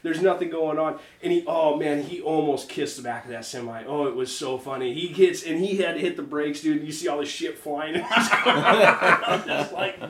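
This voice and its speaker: A man's voice: fairly high pitch, moderate pace, few pauses, a bit bright, far from the mic. Brief: man telling a rambling profane story, a bit off mic, roomy echo. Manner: rambling storyteller, swears, says "right?" often. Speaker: podcast co-host. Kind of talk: casual chat. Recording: echoey room, off mic.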